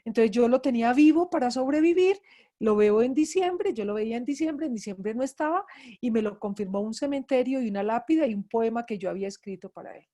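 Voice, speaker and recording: Speaking quickly and with animation, a middle-aged woman from Antioquia, Colombia, recounts her own experience to a class as part of a lecture. Her voice sits on the high side and sounds mellow; she is a grief psychologist with an Antioquian Colombian Spanish accent, emotional and repeating words for emphasis.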